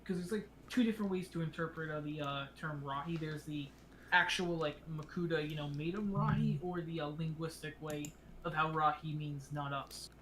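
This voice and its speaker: A young man asking a question on a livestream, halting and full of fillers. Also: on the high side, steady tone, fairly bright tone, slight background noise, poor audio. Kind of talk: casual chat on a livestream.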